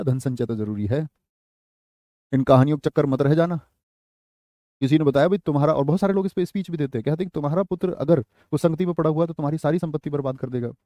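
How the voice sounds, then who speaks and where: A young man with a high, mellow voice teaches an exam-prep class, drawing out each phrase and saying it again so students can copy it. The sound is close and dry, with no room around it. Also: no echo. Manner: slow, repeats phrases for dictation, addresses students.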